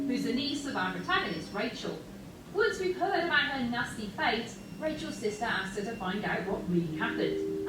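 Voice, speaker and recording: Echoey, lively woman narrating a countdown. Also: high-pitched. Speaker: list video narrator. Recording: distant, very echoey playback, music behind.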